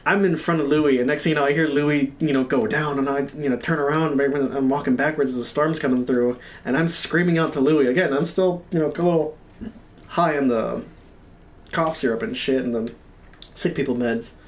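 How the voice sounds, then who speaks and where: A man hosting a gaming channel, telling stories in a rambling, halting way with lots of swearing. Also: mid-range voice, distant mic. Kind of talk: casual solo storytelling stream.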